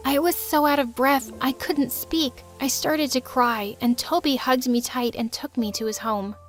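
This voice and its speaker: High-pitched young woman narrator for an animated story, emotional and breathless delivery. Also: a little slow, soft background music.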